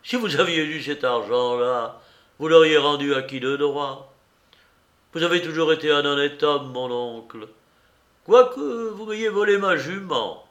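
A man voicing a hearty, blunt miller who exclaims and protests loudly. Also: a little high, unhurried, roomy sound, voice pushed up. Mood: jovial. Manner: loud, exclaiming, indignant. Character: hearty male miller, blunt and good-natured. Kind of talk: audiobook character reading.

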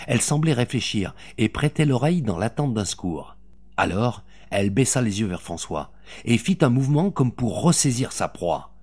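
A man reading a novel aloud as an audiobook narrator, with dramatic, expressive delivery. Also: lowish voice, breathy edge.

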